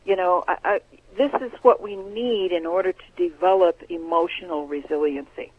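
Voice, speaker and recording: Man, high voice, tinny phone line, earnest measured explaining, author guest. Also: dry recording. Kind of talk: interview answers. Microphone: telephone.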